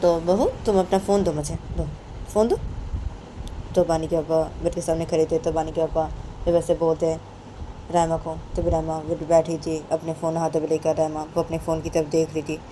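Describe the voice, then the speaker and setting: A woman's voice: sits low, completely flat delivery, a little fast, dark tone, slight background noise. A woman narrating a story in a casual, repetitive way.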